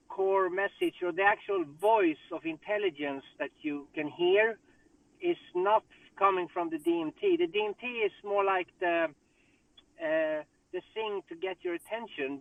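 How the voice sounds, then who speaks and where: A man calling in on a speakerphone while driving home, thinking aloud with halting restarts and sounding a bit distracted. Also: sits high, dry recording. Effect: car speakerphone call while driving. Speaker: caller in a group discussion. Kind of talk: casual group call chat. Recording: tinny distant phone line from a car.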